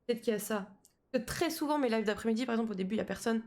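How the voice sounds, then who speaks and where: A woman's voice: on the high side, very fast, darkish tone. A young woman chatting casually with her live-stream audience while she plays, full of slang and fillers.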